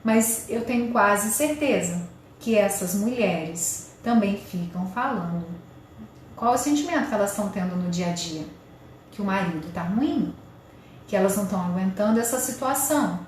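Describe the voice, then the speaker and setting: A woman's voice: mid-range voice, lively intonation, normal speed. A woman giving marriage advice straight to the viewer, in an earnest, coaching way. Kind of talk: direct-to-camera advice talk. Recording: very echoey room with faint noise.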